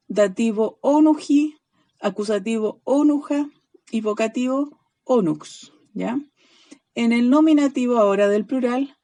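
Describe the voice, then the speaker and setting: A woman teaching a recorded online class, patiently spelling out word endings and checking in with a quick "ya?" after nearly every line. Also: fairly high pitch, dark tone. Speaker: Greek teacher.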